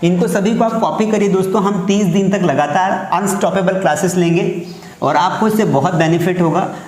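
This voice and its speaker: A man teaching a spoken English lesson, explaining in Hindi and slowly drawing out each English example sentence. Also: sits high, a little mellow, reverberant. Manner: slow, drawn-out enunciation of example sentences; repeats "ठीक है" and "दोस्तों" while addressing viewers.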